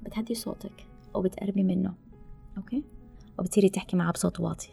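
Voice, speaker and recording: Woman, podcast guest, rapid advice-giving, gravelly fry, faint music behind. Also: mid-range voice. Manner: animated advice-giving, mixes in English phrases. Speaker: guest speaker on listening skills. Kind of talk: podcast conversation.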